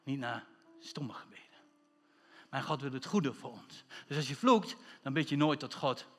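A man's voice: mid-range voice, expressive, moderate pace, in a large hall. A man preaching a sermon as pastor, emphatic, drawing out words for stress and asking rhetorical questions.

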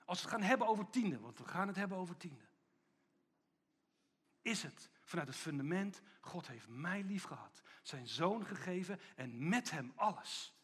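Pastor, male, high husky voice, builds to loud emphasis then drops to a hush. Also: lively intonation, moderate pace. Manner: preaching with big swings between loud emphasis and hushed, intimate lines. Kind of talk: sermon.

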